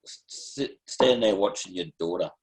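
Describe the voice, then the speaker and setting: A man hosting an interview, asking gentle questions that start with stammers and repeats. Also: sits low, normal speed, poor audio. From Australia. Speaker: interview host.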